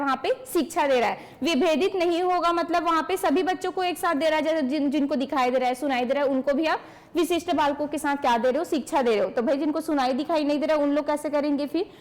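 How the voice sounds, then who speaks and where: A woman's voice: high voice, fast. A woman teacher giving an exam-prep lecture to an online class, explaining by asking questions and answering them herself, and answering students by name.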